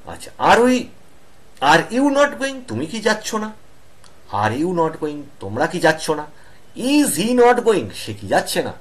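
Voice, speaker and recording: Lively, high-pitched male tutor. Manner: slow, drawn-out example sentences; keeps asking "all right?" to students. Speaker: English grammar teacher. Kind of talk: online grammar lesson.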